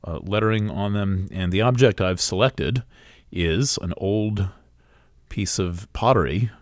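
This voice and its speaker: Low-voiced man rambling through an astrology reading. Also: dry recording, clean studio sound. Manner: rambling, with many fillers and restarts. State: hiccuping. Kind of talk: casual spoken astrology reading.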